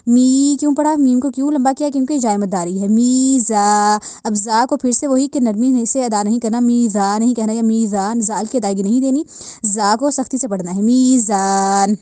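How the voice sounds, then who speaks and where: A patient woman teaching Quran recitation, explaining each letter's sound step by step. Her voice is fairly high but darkly mellow, recorded close and dry with no room around it. She repeats points and checks in often. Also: no echo. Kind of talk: tajweed lesson with slow drawn-out recitation.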